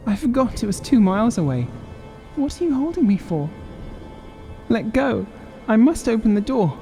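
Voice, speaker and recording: A man's voice: big pitch swings, moderate pace, mellow, soft background music. A man voicing a desperate, grieving old woman from a horror audiobook, crying out in a strained, urgent voice. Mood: frantic, desperate. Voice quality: strained, shrill.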